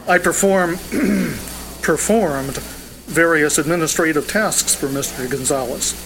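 A man's voice: fairly high pitch, lightly acted, low-quality recording. A man voicing a formal, precise personal aide in an audio drama, answering questions stiffly and deferentially.

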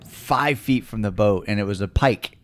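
A man's voice: lowish voice, normal speed, no room sound. A man co-hosting a casual chat, telling stories with energy and acting out quotes. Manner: animated storyteller, acts out quotes.

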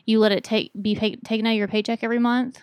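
A woman's voice: fairly high pitch, flat delivery, fast talker, a little mellow, no echo. A woman co-hosting a podcast, chatting casually and carrying the talk in long rambling turns. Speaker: podcast co-host. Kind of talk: casual chat.

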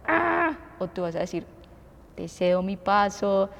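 A woman in her thirties with a Colombian accent, preaching a sermon in an animated way and asking the congregation questions. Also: on the low side, normal speed, in a large hall, muffled recording. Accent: Colombian Spanish. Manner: animated, asks the audience questions, acts out shouting.

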